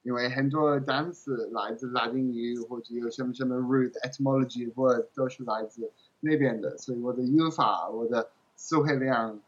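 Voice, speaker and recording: A foreigner, a native English-speaking man, chatting casually in English-accented Mandarin as an interview guest, halting as he searches for words and slipping into English. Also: mid-range voice, fairly even intonation, husky, highs cut off. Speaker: interview guest, game translator.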